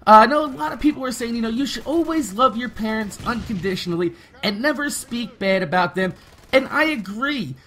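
A man's voice: very high voice, expressive, brisk, bright, forceful tone, slight background noise. A man, talking casually and candidly over gameplay, rambling and swearing freely. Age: 20s. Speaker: gaming YouTuber.

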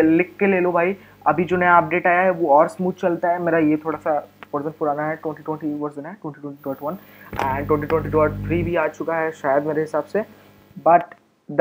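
A young man with an Indian accent giving a casual, chatty coding tutorial, with many fillers and restarts. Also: on the high side. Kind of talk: casual screen-recorded tech tutorial.

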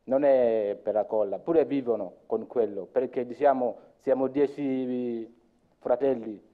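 A Kenyan man with a Kenyan accent speaks haltingly, often stopping to search for the right words and acting out the lines of people he talks about. His voice sits at an ordinary middle pitch. The recording is thin and tinny, almost like a phone line. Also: steady tone. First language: Luo. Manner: halting, searching for words, acts out what others said. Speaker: conference speaker. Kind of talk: informal talk at a conference.

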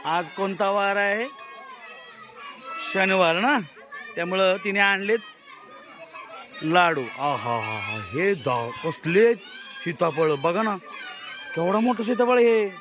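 Amid a busy crowd and loud outdoor noise, a reporter with a Marathi accent strolls through a school market for a casual vlog, exclaiming cheerfully and asking children their names. His voice is high, and he takes it slowly, pausing often.

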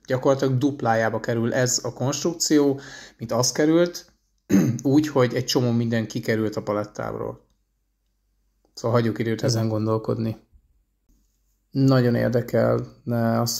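A man rambling conversationally in a casual vlog, pausing often with hesitation fillers. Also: medium pitch, gravelly, darkish tone, dry recording, clean studio sound. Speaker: delivery van driver vlogger.

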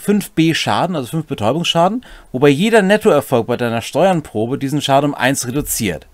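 This middle-aged man hosts a series on tabletop role-playing rules, casually explaining them with wry, colloquial asides. His voice sits a little high and moves lively, recorded dry in a small furnished room at home.

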